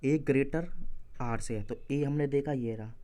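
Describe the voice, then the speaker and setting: A man teaches exam reasoning one step at a time and stops to correct himself when he slips. His voice is mellow and warm, at an ordinary middle pitch. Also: normal speed. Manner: explains step by step, corrects himself mid-solution. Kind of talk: exam-prep lesson walking through answers.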